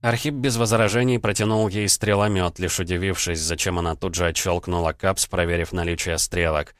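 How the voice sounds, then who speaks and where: A man narrating an audiobook in a measured, steady reading style, recorded close to the mic. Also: low-pitched, no echo.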